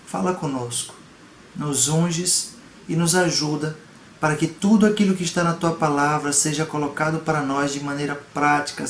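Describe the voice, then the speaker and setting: Earnest pastor preaching at home. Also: male voice, on the high side. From Salvador, Brazil. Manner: earnest, emphatic preaching with rhetorical questions. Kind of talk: home video sermon. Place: home room. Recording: echoey room, faint background noise.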